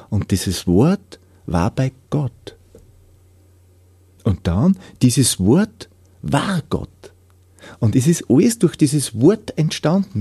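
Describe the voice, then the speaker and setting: A man giving an earnest personal faith testimony, often dropping to soft whispers when moved. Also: mid-range voice, husky, no echo.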